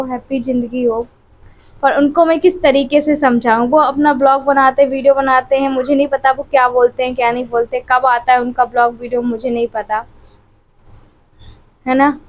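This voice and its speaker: A woman's voice: sits high, little pitch movement, moderate pace. A woman family vlogger at home, speaking emotionally and directly to her viewers about her troubles, recorded on a phone camera. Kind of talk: tearful personal confiding to viewers. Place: at home, by the bed. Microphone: phone camera held close. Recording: dull, lo-fi phone audio.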